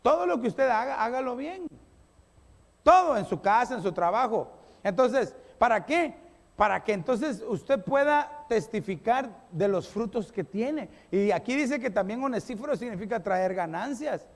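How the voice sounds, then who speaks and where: A man's voice: very high-pitched, normal speed. A man. He talks straight to the people, urging them on and acting out small everyday scenes. His voice rings through a large hall with a long reverb. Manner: animated preacher addressing the congregation, acting out little scenes. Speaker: pastor. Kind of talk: sermon.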